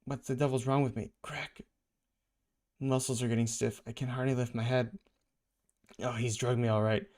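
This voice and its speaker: A man's voice: medium pitch, level tone, moderate pace, darkish tone, natural voice. A man voicing a wry young male superhero from a comic who has been drugged, muttering his inner thoughts in a self-mocking way.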